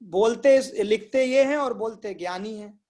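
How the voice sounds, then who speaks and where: A man's voice: high-pitched, moderate pace, a little mellow, a little hiss or hum. A man teaching Sanskrit pronunciation in an online class, patiently repeating sounds and checking that his students follow.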